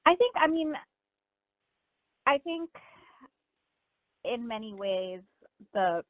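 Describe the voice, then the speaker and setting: Speaking slowly with lively intonation in a slightly high voice, she's a guest author from Miami, United States, reflecting casually in an interview. Fillers like "like" and "you know" come up often, and the sound is a narrow phone line with no echo.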